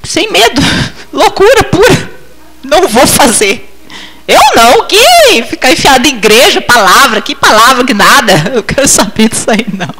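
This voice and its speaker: A high-pitched woman preaches a heartfelt testimony from the pulpit. Her voice leaps up and drops low, loud one moment and hushed the next, as she acts out her own past replies. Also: sing-song, normal speed, slightly rough, rough recording. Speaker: missionary preacher. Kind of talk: testimony sermon.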